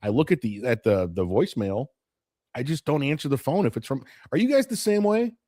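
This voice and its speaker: In his late forties, a man hosts a morning live stream, chatting nostalgically with viewers about how things have changed and drifting off topic as he rambles. His warm, medium-pitched voice swings widely in pitch and moves a little fast. The clean studio sound has no echo.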